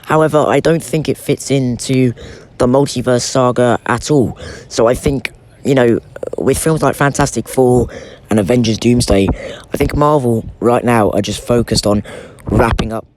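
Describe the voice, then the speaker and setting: A man delivers casual film news in a chatty, enthusiastic fan's manner. He speaks at a middling pitch, with a towel over his head to shield the microphone from wind. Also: moderate pace, a little mellow. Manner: chatty, enthusiastic fan talk. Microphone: microphone under a towel over his head, shielding it from wind.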